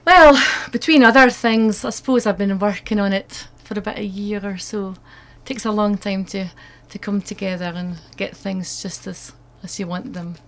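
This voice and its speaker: A woman's voice: mid-range voice, moderate pace, few pauses. A woman with a North East Scottish accent, an author answering questions in an interview. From North East Scotland. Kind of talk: interview answers about own work.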